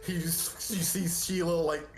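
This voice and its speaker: A man's voice: on the high side, level tone, a little slow, over a noisy crowd. A man playing a tabletop game, joking and laughing as he describes his character. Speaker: player. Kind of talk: casual game chat.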